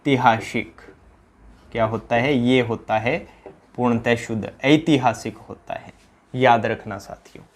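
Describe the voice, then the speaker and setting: A man with a Rajasthani accent teaches an exam-prep grammar lesson in a mid-pitched voice. He drills every answer by asking the question again and again, and he keeps addressing his students as companions. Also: measured pace.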